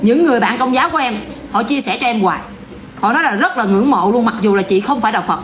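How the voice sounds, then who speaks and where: A woman's voice: on the high side, racing, slight background noise. A woman with a Southern Vietnamese accent ranting bluntly and casually to her viewers in a vlog. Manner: blunt, animated, repetitive ranting. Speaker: vlogger.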